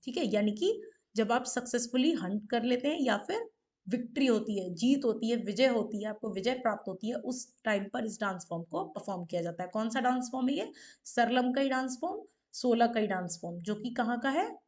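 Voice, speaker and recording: A woman's voice: a little high, animated, moderate pace, darkish tone. Woman teacher explaining with mnemonics. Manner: explanatory, repeats questions and "ठीक है" often. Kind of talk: exam-prep lecture with mnemonics.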